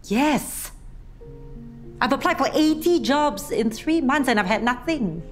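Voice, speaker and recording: Low-toned weary middle-aged mother, frustrated job seeker, blunt, frank, screen drama, music underneath. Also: measured pace, darkish tone. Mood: angry, frustrated. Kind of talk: naturalistic screen drama acting.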